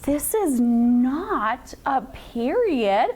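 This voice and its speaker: A woman teacher leading a classroom phonics lesson, prompting answers call-and-response style and reading sentences slowly and smoothly as a model. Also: sits high, sing-song, darkish tone.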